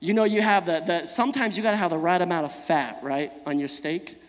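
A man in his thirties preaching a sermon, swinging between loud calls and quiet asides, often repeating words and asking the congregation questions. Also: high-pitched, a little fast. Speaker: pastor. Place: church hall. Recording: long church hall reverb.

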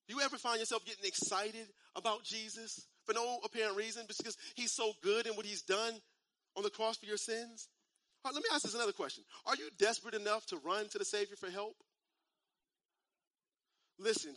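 A man in his thirties preaching a sermon in a conversational style, repeating phrases and using casual slang, building up to shouts. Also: sits high, no room sound. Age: 30s. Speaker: pastor.

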